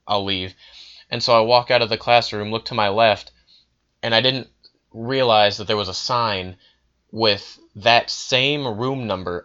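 A man's voice: lowish voice, pushed and bright, muffled recording. A young man telling a personal story casually, rambling with many fillers and restarts.

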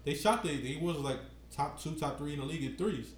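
Halting, insistent man in an echoey room. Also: a little high, lively intonation. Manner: halting, stumbles and restarts, insistent. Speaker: podcast co-host. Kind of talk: casual sports debate. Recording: echoey room with faint noise.

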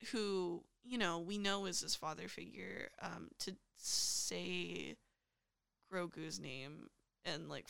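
A woman's voice: mid-range voice, creaky, fairly bright tone, clean tone, no echo, studio quality. A woman co-hosting a casual chat, speaking hesitantly and thoughtfully with many fillers. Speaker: podcast co-host. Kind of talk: casual fan discussion.

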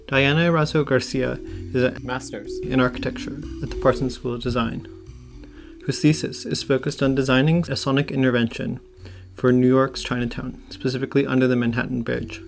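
A man hosting a podcast, who introduces his guests and asks them measured, curious questions. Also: medium pitch, little pitch movement, gravelly, music in the background. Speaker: podcast host. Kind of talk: podcast interview.

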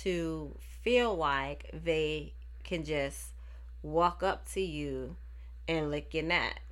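A woman's voice: deep voice, very slow, a bit bright, slight background noise. A woman co-hosting a podcast, challenging her co-host bluntly and with swearing in casual chat.

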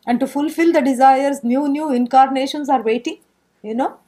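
A woman's voice: sits high, moderate pace. A woman with an Indian accent giving an informal scripture lecture as a spiritual teacher, playful and full of rhetorical questions. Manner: animated storytelling with rhetorical questions and playful humour.

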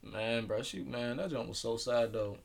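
A young man in casual chat, retelling things in a slangy, animated way and acting out quotes. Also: mid-range voice, normal speed, creaky. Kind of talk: casual movie recap chat.

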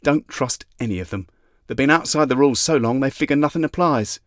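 A man's voice: mid-range voice, a little fast, dry recording, voice pushed up, close to an everyday voice. A man voicing a tough, patronizing middle-aged pub landlady who calls everyone darling, in a dry, close audiobook recording. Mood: knowing. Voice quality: bellowing. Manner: patronizing, endearments.

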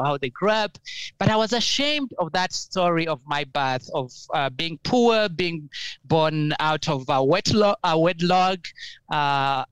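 A young man with a Ugandan accent, telling his life story as an interview guest in an earnest, halting way with many fillers and restarts. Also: a little high, a bit bright, smooth, no echo, poor audio.

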